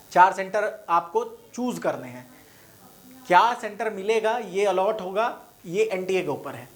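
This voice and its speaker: A man teaching an online coaching lesson, talking casually and straight to his students, reading out long lists and stumbling and correcting himself along the way. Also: high voice. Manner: casual, direct address to students.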